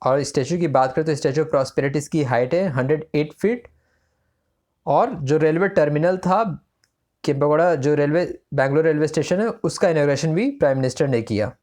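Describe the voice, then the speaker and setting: An exam-prep tutor runs through current affairs. The tutor poses a quiz question, then answers it. The tutor switches freely between Hindi and mid-sentence, at a pitch of middling height. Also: moderate pace, darkish tone.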